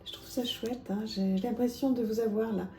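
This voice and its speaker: A woman presenting oracle card decks in a casual, chatty vlog, with lots of small pauses and fillers. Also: fairly high pitch, fairly even intonation, dark tone, roomy sound, soft background music. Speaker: tarot and oracle card reviewer.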